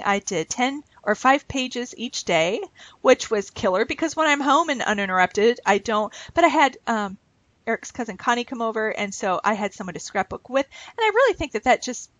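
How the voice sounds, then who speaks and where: A woman talks through her scrapbook page at home, rambling off topic and laughing easily. Her voice sits at an ordinary middle pitch. The sound is dry and close, with little room around it. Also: no room sound. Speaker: craft vlogger. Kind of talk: casual chat while scrapbooking.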